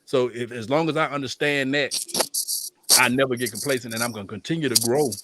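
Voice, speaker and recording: Fast-talking man, animated. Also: noisy background. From Birmingham, Alabama. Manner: animated, jokey storytelling with raised-pitch quoted voices. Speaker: guest music producer. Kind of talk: casual podcast chat.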